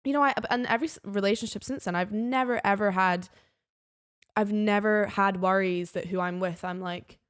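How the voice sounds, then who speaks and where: A woman's voice: medium pitch, steady tone, normal speed, clean tone. Girl in her 20s spilling dating stories on a podcast, chatty, plays out what she said back then. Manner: candid storytelling, acts out her own past lines. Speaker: podcast guest. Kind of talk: casual chat.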